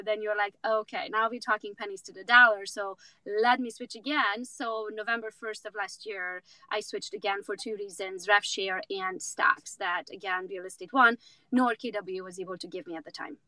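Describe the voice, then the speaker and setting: A woman's voice: mid-range voice, fairly even intonation, normal speed, bright, forceful tone, no room sound, low-quality recording. A woman from Romania, a real estate agent in her thirties, talking outspokenly and with jokes as a guest in a casual interview. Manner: outspoken, confident, joking.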